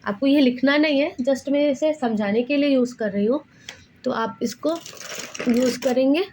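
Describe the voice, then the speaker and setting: A woman's voice: high voice, moderate pace, a little mellow, slight background noise. A woman, patiently explaining a drawing tutorial step by step and addressing viewers fondly like children. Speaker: drawing teacher. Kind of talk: tutorial instruction.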